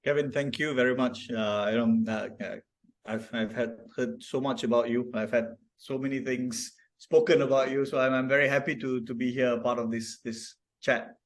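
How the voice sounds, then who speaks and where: This Malaysian man, a founder appearing as a podcast guest, speaks at a moderate pace in a medium-pitched voice with fairly even intonation. He tells stories reflectively in a casual conversation, often restarting sentences and tacking on "right?"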